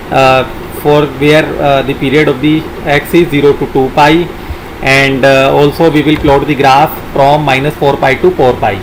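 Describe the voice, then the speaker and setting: A man narrating a software tutorial as an instructor, haltingly dictating code and formulas piece by piece. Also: a little high, noisy background.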